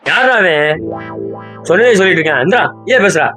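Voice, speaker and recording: A man's voice: high voice, lively intonation, fairly quick, over music. A man playing a hot-headed man demanding his kidnapped brother back, blustering and exasperated. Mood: blustering angry. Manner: shouting threats, blustering and exasperated. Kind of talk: comedy skit acting.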